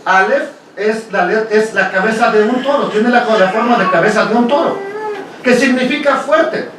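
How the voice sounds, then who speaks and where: A man's voice: sits high, normal speed. A man gives a conversational Bible study lecture to his congregation, often posing rhetorical questions and checking in with "ok?". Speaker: congregation teacher. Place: congregation meeting hall. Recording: very echoey hall from far off, faint hiss.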